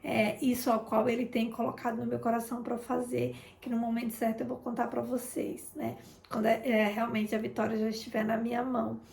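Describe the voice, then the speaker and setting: A woman shares an informal testimony of faith, speaking in a fairly high voice with a gravelly, fry-touched edge. She keeps talking straight to her listeners, and the sound carries a roomy echo. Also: level tone, brisk, a little mellow. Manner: chatty, keeps addressing listeners, re-enacts conversations. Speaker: intercessor sharing a testimony. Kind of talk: informal testimony in a prayer broadcast.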